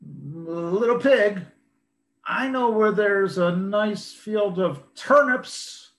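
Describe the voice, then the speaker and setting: A man voicing a blustering, sly male wolf in a children's storybook reading, booming out drawn-out threats. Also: animated, a bit bright, full character voice. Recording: roomy echo.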